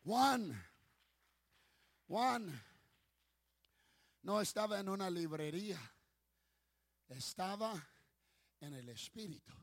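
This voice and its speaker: A man's voice: sits high, expressive, unhurried, pauses often, no room sound. A man preaching as pastor of his ministry, fervent, calling for applause and telling stories with many restarts. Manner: storytelling with restarts. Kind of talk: sermon.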